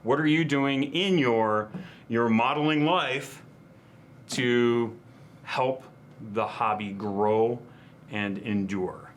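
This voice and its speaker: A man's voice: medium pitch, slow, a little hiss or hum. Chatty man co-hosting a hobby show. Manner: chatty, wordplay and rambling asides. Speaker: co-host. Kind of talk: casual chat.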